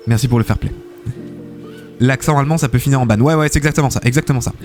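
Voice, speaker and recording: A man's voice: medium pitch, quick pace, faint music behind. A man hosting a live game stream, commentating matches and reading out chat, chatty and full of fillers, thanking viewers often.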